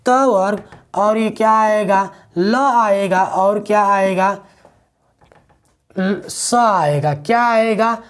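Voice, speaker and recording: A man teaching grammar in a classroom. He talks at a slow, deliberate pace in a fairly high voice. He drills his students with repeated questions and answers. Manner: asks questions and answers them himself, repeating key words.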